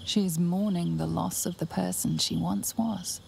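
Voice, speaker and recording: A grave, all-knowing woman narrating a fantasy game. Her voice is dark and creaky, measured and unhurried, with soft music underneath. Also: fairly low pitch, steady tone, slight background noise. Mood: mournful. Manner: measured, solemn. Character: grave omniscient storyteller woman, solemn and knowing. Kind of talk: scripted dramatic game narration.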